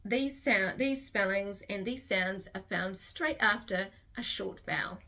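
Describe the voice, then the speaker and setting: This New Zealand woman, a literacy teacher, speaks a little slowly in a mid-range voice that comes across pushed and bright. She is carefully sounding out each letter sound in a slow, structured phonics tutorial.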